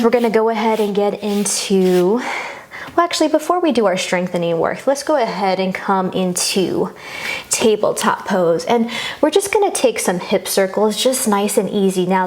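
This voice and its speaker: A woman's voice: mid-range voice, expressive, normal speed, a little mellow. A woman yoga instructor guiding a class through poses in an encouraging, reassuring and informal way.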